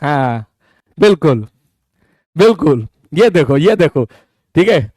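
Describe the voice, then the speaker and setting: A man teaching an online class, bantering playfully. He repeats words in quick runs. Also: sing-song, a little mellow, dry recording, studio quality. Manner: breaks into high mock voices when quoting students.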